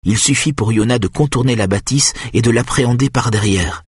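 A man reading a tense thriller aloud as an audiobook narrator, in measured, steady storytelling. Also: medium pitch, breathy edge, no room sound, studio quality.

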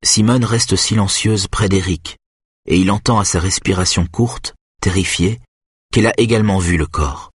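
A man narrating a suspense audiobook in a measured, tense way. His low voice is husky and breathy, and the recording is close and entirely dry, with no room sound. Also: no echo.

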